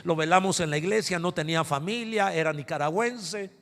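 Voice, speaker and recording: A man, a pastor telling a story in a sermon and building to loud climaxes, recorded at a conference. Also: fairly high pitch, a little fast. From Guatemala. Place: large conference hall. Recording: reverberant conference hall.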